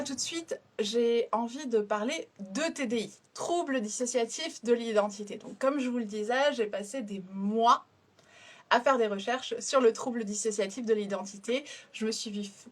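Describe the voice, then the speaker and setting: A woman explaining a therapeutic approach to her listeners, hesitant, with many fillers and restarted phrases. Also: on the high side. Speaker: systemic hypnotherapist. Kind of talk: explanatory talk to an audience.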